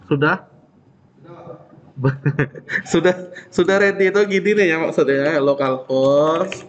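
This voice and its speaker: A man with a fairly high voice calls out names in a classroom at an unhurried pace, teasing his students now and then. The recording is dull and lo-fi. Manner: casual, teasing, checks each student one by one. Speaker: teacher. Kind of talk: classroom roll call.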